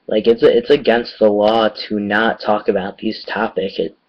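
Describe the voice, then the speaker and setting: A man's voice: fairly low pitch, flat delivery, normal speed. A young man in his twenties frankly recounting a bad experience in a casual vlog, cursing freely and sounding aggrieved. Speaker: student teacher. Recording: dull lo-fi home recording.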